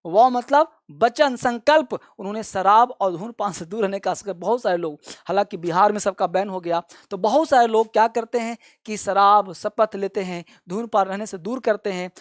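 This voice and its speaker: High in pitch and at a normal speed with few pauses, this man's voice is recorded dry, at studio quality. As an English vocabulary teacher, he repeats each word in classroom fashion and asks his students to say it after him, warmly calling them his children.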